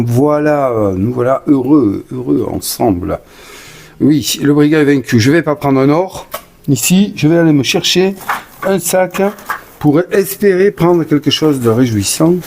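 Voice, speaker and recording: Mellow-voiced man chatting through a solo game. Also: on the high side, expressive, measured pace, a little hiss or hum. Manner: chatty and enthusiastic, talks himself through each move; stumbles and corrects himself, apologizes for rambling. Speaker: board game player narrating a solo playthrough. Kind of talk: casual solo game commentary.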